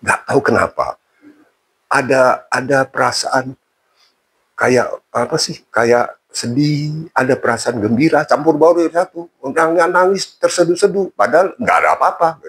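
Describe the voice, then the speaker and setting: A man's voice: mid-range voice, normal speed, fairly bright tone, slightly rough. A man telling his own conversion story in a casual interview, chatty and self-mocking. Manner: chatty, colloquial, self-mocking, many fillers.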